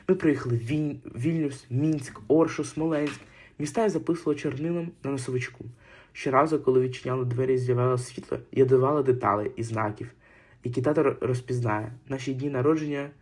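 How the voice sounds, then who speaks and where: Fast, husky male audiobook reader. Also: medium pitch, mellow. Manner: quick, slightly stumbling reading. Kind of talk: audiobook narration.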